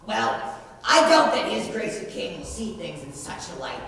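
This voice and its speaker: A teenage woman playing a pompous, blustering sheriff who is indignant at outlaws, in a high school stage play. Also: wildly swooping pitch, moderate pace, gravelly, fairly bright tone, heavily acted. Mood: accusing. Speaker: student actor. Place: school stage or auditorium, indoors. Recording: distant mic, very echoey noisy hall.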